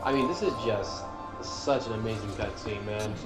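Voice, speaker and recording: This man, a gaming video creator, speaks at a moderate pace in a lowish voice, offering casual, slang-heavy, enthusiastic commentary. The recording echoes in the room beneath loud game music.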